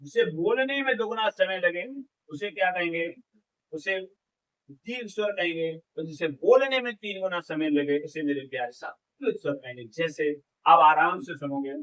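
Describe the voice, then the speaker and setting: A male Hindi teacher giving an exam-prep lecture, asking questions and answering them himself, stretching vowels to demonstrate, and warmly addressing his students. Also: on the high side, normal speed, rough recording.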